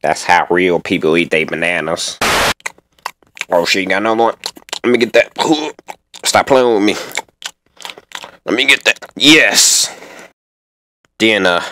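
A crude, greedy cartoonish monkey played by a man in a silly animal-video redub. The voice is low and slangy, full of swearing and sudden yelps. The homemade voice-over has clear background noise. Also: a little slow, pauses often. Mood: greedy, excited. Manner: profane, slangy street talk with sudden yelps. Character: crude, greedy male caged monkey begging for bananas. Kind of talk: silly mismatched comic redub of animal footage. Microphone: voice-over recorded apart from the pictured zoo. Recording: noisy amateur voice-over with clicks.

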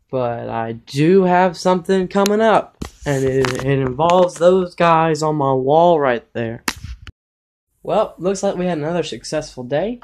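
A man's voice: a little high, darkish tone, slight background noise. A young man hosting his own vlog in a casual, rambling way, often restarting his sentences. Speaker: vlogger.

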